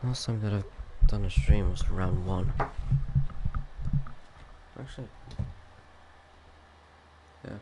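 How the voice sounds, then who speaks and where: A young Polish man, a racing league commentator, chats casually and rambles on a voice call before commentating a race, worn out from no sleep. His accent mixes Polish with Finnish, and his low voice moves slowly with long pauses over heavy background noise. He laughs often and trails off quietly.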